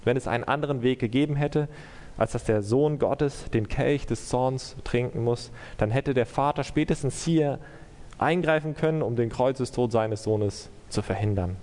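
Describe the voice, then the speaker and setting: A man preaching a sermon in German and then leading a prayer, earnest and measured, with rhetorical questions to the congregation. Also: mid-range voice, a little mellow, long reverb tail. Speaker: pastor.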